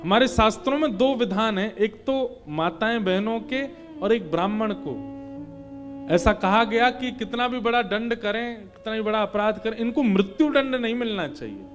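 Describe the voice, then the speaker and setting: A male preacher with a notably high voice tells a devotional story sermon in an animated way, breaking into chanted scripture verses. Faint music plays softly underneath his narration. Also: moderate pace.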